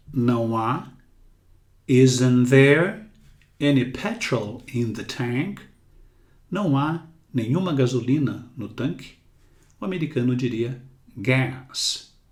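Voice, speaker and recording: Very slow, deliberate male teacher. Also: medium pitch, roomy sound. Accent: Brazilian Portuguese. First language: Portuguese. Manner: slow, deliberate, repeating words for drilling. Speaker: English teacher. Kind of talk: slow pronunciation lesson.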